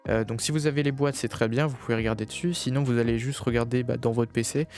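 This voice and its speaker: A man walks viewers through computer steps in a loose, conversational way, often pausing on filler sounds. His pitch sits in an ordinary middle range, and soft music plays faintly underneath. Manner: relaxed, chatty, many filler hesitations. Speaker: PC hardware tutorial host. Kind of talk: casual screen-recorded tutorial.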